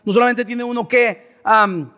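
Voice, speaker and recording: A man's voice: extremely high pitch, fairly even intonation, a little slow, bright, forceful tone, big-room sound. A man preaching a sermon to his congregation, often checking in with "verdad?" as he teaches. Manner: keeps asking the congregation "verdad?". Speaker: pastor. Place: church sanctuary.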